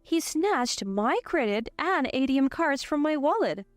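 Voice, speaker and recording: A young woman in her twenties tells a first-person story in a scripted, even, steady way. Her voice is fairly high and close to the mic, with a dry sound and soft music playing behind her. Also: measured pace, no echo. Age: 20s. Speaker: narrator.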